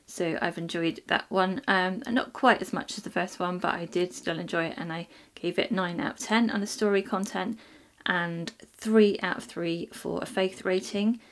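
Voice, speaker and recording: A woman's voice: fairly low pitch, steady tone, moderate pace. Chatty woman reviewing books. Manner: chatty, many ums and restarts. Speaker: book reviewer. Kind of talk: casual book review vlog.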